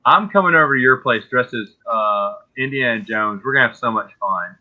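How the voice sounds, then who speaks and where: A man's voice: medium pitch, expressive, fairly quick, phone-quality sound, slight background noise. A man telling jokey stories in a casual group video chat, laughing as he goes. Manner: joking storyteller, laughs often.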